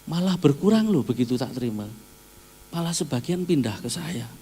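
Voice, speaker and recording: A middle-aged male pastor, preaching in a storytelling way, acting out dialogue and rising to loud shouts. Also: a little high, lively intonation, moderate pace, husky. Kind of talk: sermon. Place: church hall. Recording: long hall reverb, faint noise.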